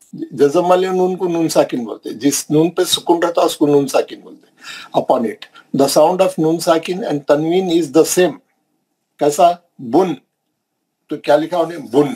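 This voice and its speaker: A man teaching Quran recitation in an online class, drilling syllables slowly and checking in with his students. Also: a little high, dark tone, breathy edge, low-quality recording.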